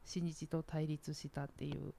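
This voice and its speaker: A woman's voice: sits low, flat delivery, normal speed, creaky, dark tone. A woman in a casual chat who asks polite questions and adds short remarks. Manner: polite, mostly short backchannels.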